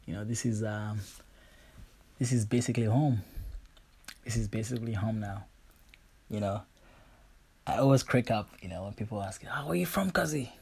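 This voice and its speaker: A young podcast host from Zimbabwe muses about his life in a casual solo monologue. His lowish voice has vocal fry and a breathy edge, moving at a moderate pace with long pauses, and he rambles in a relaxed way, leaning on fillers like "you know".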